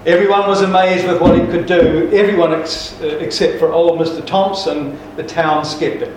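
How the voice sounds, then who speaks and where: A man's voice: fairly high pitch, fairly even intonation, normal speed, a little mellow, a little hiss or hum. A man preacher delivering a sermon with jokes, folksy and emphatic, with restarts. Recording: echoey church hall from far off.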